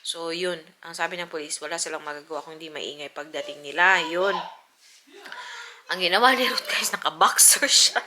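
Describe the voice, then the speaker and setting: A Filipino mother and vlogger tells a story to her camera at home, chatty and animated, acting out quotes as she retells it. Her voice is on the low side at normal speed, captured by the camera mic in a home video with noticeable background noise.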